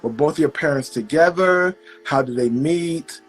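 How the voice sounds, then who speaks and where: An enthusiastic interview host who rambles in quick bursts, inviting a guest to tell her story. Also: medium pitch, faint music behind. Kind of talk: interview host, casual chat.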